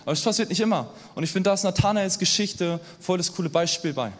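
A young man preaching a sermon in a lively, conversational way, often checking in with his listeners. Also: high-pitched, fast. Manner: lively, conversational, asks the audience "oder?" often. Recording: long hall reverb.

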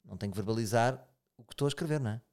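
A man's voice: medium pitch, very fast, darkish tone. A man with a European Portuguese accent hosting a casual chat, asking probing, reflective questions.

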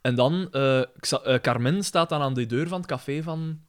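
A man with a Flemish accent co-hosting a podcast, retelling film scenes in casual chat with quick interjections. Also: mid-range voice, clear, resonant tone. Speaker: podcast co-host.

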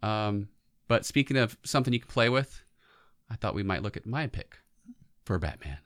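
A man's voice: lowish voice, lively intonation, moderate pace, a bit bright. A man in his forties co-hosting a podcast, chatting casually about pop culture. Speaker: podcast co-host.

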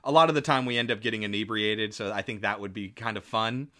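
Male film-podcast co-host: forward, bright tone, informal and keen, conversational. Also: fairly low pitch, fast. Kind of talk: casual film review chat.

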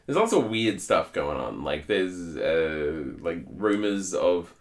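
A man co-hosting a podcast, talking in a casual, animated way and laughing often. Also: low-pitched. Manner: animated, laughs often, puts on quick voices. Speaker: podcast co-host. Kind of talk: casual chat.

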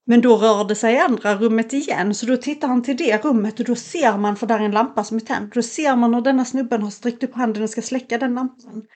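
A young woman co-hosting a podcast, retelling a scary film in a lively, casual way and acting out the lines of the people in it. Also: fairly high pitch, hardly any pauses. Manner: animated retelling, acts out quotes. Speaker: podcast co-host. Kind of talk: casual storytelling chat.

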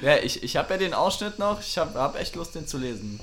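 A male podcast host chats casually and laughs easily, with the odd hesitant filler. His voice sits a little high. He sounds relaxed and unhurried. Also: a crowd in the background. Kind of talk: casual chat.

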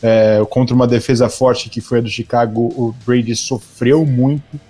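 A man's voice: mid-range voice, little pitch movement, normal speed, warm tone, slightly rough. A Brazilian man giving informal football analysis on a live stream, explaining in a hesitant way.

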